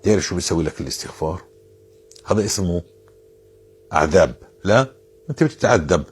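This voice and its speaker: A man's voice: low voice, animated, a little fast, husky. A man giving informal religious advice, earnest and insistent, repeating phrases to drive his point home.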